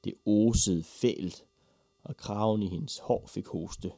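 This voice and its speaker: Gravelly man reading a children's story. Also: fairly low pitch, dry recording, clean studio sound. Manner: lively, expressive reading. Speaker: narrator.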